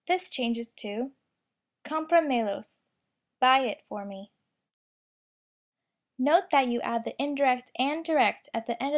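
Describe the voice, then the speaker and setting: Slow, careful young woman teaching. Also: high voice. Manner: slow, careful reading of examples. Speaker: student presenter. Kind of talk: instructional narration.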